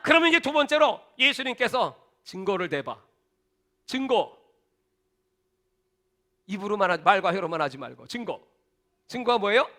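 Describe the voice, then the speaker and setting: High, bright-voiced male pastor preaching. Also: sing-song, normal speed, long pauses. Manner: emphatic, colloquial, storytelling. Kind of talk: sermon.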